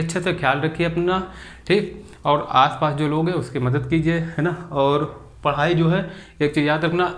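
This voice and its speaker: A young man teaching an exam-prep lesson in an online video, asking students rhetorical questions and tagging phrases with a quick "okay". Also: fairly high pitch, a bit bright. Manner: repetitive, asks students rhetorical questions, ends phrases with "ठीक".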